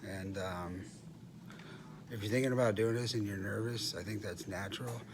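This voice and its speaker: Low-voiced, halting middle-aged man, noisy room. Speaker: patient recording a post-surgery update. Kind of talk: casual vlog monologue. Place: hospital room. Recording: clearly noisy room ambience.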